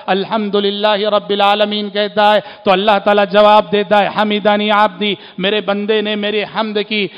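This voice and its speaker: A man's voice: high-pitched, clear, resonant tone, lo-fi sound. A man preaching a sermon in oratorical style, repeating his phrases for emphasis. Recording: long hall reverb.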